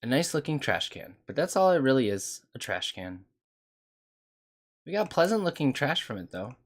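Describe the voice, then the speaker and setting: A man's voice: medium pitch, big pitch swings, normal speed. A man streaming a game, making wry, amused asides while playing. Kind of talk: casual game commentary.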